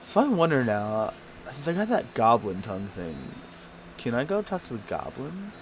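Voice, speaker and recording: A man reads game text aloud and adds casual, muttered comments as he plays. His voice sits at an ordinary middle pitch, with faint noise behind him. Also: sing-song, normal speed. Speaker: let's play gamer.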